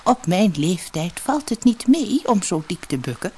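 A woman voicing a frail old peasant woman, speaking in a kindly, unhurried way. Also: mid-range voice, big pitch swings, dark tone, a little hiss or hum.

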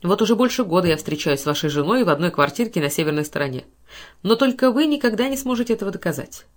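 A woman voicing a cold, calm, menacing male banker who speaks with icy mockery. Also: lowish voice, fast talker, lightly acted.

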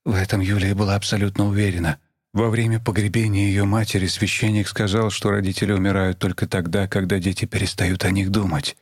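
A man reading a novel aloud as the narrator, at a measured, even pace and close to the microphone. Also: fairly low pitch, no room sound. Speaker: audiobook narrator. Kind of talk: scripted narration.

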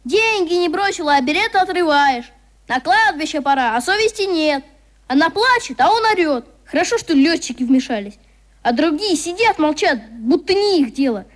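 A very high, animated schoolboy's voice in a radio play. He is principled and stubborn, quick to argue and easily stung, pressing his case with heated feeling. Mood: indignant. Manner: heated, argumentative.

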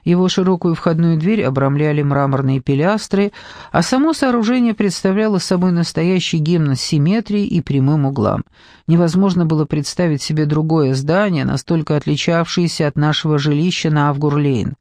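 A man narrating an audiobook in an even, measured storytelling manner. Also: a little high, no echo. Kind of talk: scripted narration.

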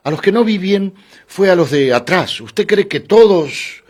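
A man's voice: sits high, lively intonation, measured pace, pitched above the performer's own voice. A man reading a tense, protective young passenger who speaks insistently.

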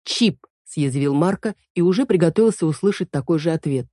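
Storybook narrator, woman, calm and even, dark warm tone. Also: sits low, quick pace, dry recording, clean studio sound. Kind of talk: storybook reading.

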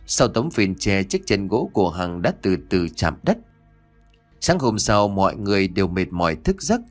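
A man narrating an audio story in a scripted, dramatic, expressive reading. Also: sits low, normal speed. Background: soft music.

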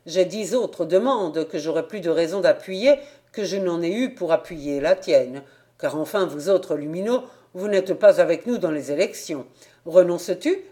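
A woman's voice: fairly low pitch, normal speed, mellow, lightly acted. A woman reading the part of a haughty, heavyset male local councillor who speaks in a curt, condescending manner.

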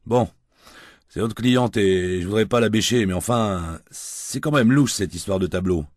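A man's voice: lowish voice, a little slow, a little mellow, no echo, studio quality, voice pushed up. A man doing a drunk, self-pitying aging gigolo. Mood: sneering. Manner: coarse slangy rambling, whiny.

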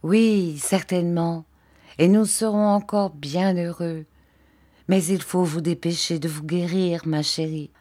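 A woman voicing a gentle young husband who speaks to his wife in a low, hushed and tender way. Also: steady tone, measured pace. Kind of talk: audiobook character voice.

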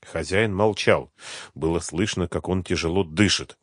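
A man narrating an audiobook in a steady, even reading. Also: low-pitched, unhurried, no room sound, clean studio sound. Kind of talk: scripted narration.

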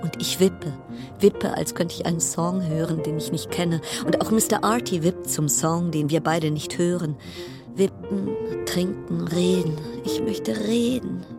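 In a radio drama, an actress with a fairly low, gravelly voice plays a weary woman stranded on a plague-stricken cruise ship, wry and anxious. She tells her story unhurriedly in literary, broken-off sentences, confiding and uneasy, while loud music plays behind her.

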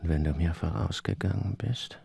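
Gravelly, very deep old Captain Ahab. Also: male voice, over music. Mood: brooding. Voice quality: gravelly, whispery. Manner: slow, brooding delivery. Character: brooding, obsessed old whaling captain.

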